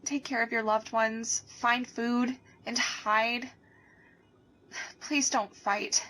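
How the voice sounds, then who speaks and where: An actress voicing a female radio news anchor reading emergency bulletins in a measured newsreader style. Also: mid-range voice, steady tone, poor audio. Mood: tender. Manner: measured newsreader delivery, softening into gentle pleas. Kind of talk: scripted news broadcast in a game.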